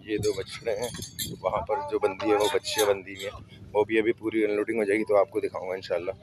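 A man with a lowish voice, talking viewers through an outdoor cattle market in a chatty, admiring tone. Animals, traffic and street noise are loud behind him. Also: level tone, fast talker. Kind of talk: casual live commentary. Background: animals, vehicles and street noise.

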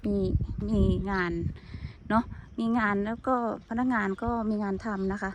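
A woman's voice: mid-range voice, steady tone, unhurried, a little hiss or hum. A woman giving a casual walking tour outdoors on a hot day, chatting to her viewers and often apologizing. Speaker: vlogger.

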